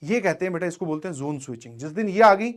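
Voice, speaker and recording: High-voiced man coaching students. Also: expressive, quick pace. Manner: storytelling, mixes English words, checks in with "theek hai". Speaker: coaching teacher. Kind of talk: motivational talk to students.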